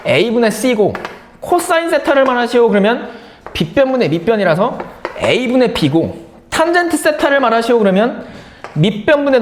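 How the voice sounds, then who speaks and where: A man's voice: sits high, roomy sound, slight background noise. A man teaching a live math class, playful and drilling key terms by repeating them. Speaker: math instructor.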